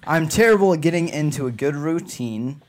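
A man's voice: on the high side, lively intonation, brisk, pitched above the performer's own voice, natural voice. A man reading a listener's letter aloud in a put-on British accent, playing a friendly young British man and hamming it up. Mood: earnest. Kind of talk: casual podcast chat.

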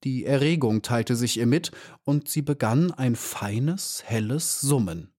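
Male audiobook narrator, mid pitch, measured storybook reading. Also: lively intonation, a little mellow.

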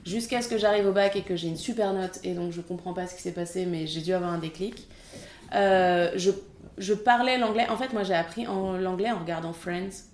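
Her pitch is fairly low and her delivery brisk, with a slightly mellow quality, some reverb, and a faint hiss or hum. She's a thirty-something assistant director from France, speaking openly in a relaxed interview full of filler words.

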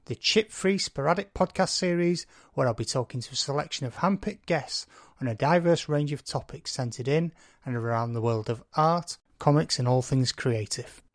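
A man's voice: mid-range voice, normal speed, no room sound, studio quality. A man hosting a podcast interview in an informal, matey way with some mild swearing. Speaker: podcast host.

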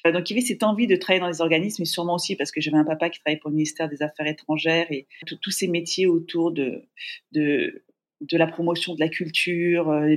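A woman who grew up in francophone Africa, talking warmly and reflectively as a guest in a remote interview. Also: fairly low pitch. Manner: warm, reflective, thinks aloud. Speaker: podcast guest, TV presenter.

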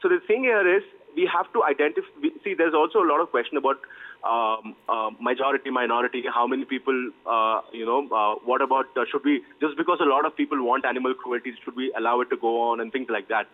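A man's voice: medium pitch, fairly even intonation, fast. An Indian-accented man arguing as a panelist, insistent and emphatic, repeating his points for stress. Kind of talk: argumentative panel commentary. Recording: tinny, phone-like band-limited line.

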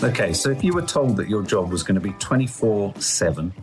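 A man in his fifties, a father co-hosting a parenting podcast in casual chat, with a wry, teasing manner and quick asides. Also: lowish voice, lively intonation, faint music behind.

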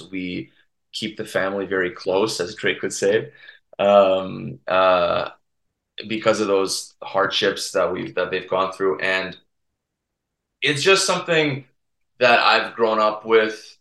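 A young man with a very low, bright, forceful voice, talking earnestly in a casual podcast interview. He restarts his sentences often as he works through his answers. The sound carries a roomy echo. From Toronto, Canada. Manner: earnest, halting, many restarts. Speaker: guest from a Serbian community TV channel.

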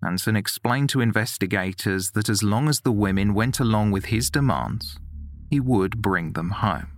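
A man reading a scripted true-crime narration in a measured, sober way. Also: on the low side, no room sound.

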